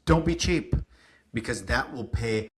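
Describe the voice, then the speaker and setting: Man, podcast guest, casual storyteller, animated, voices quoted dialogue, middle pitch. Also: a little slow.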